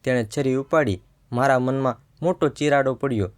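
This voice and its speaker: A man's voice: medium pitch, normal speed. A man narrating a first-person story in a tense, suspenseful way.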